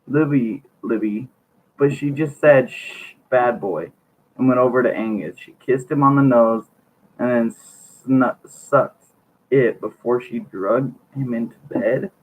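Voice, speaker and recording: A man's voice: medium pitch, unhurried. A man casually reading a teen diary novel aloud, now and then stumbling over words and laughing. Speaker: reader. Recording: tinny phone-like lo-fi recording.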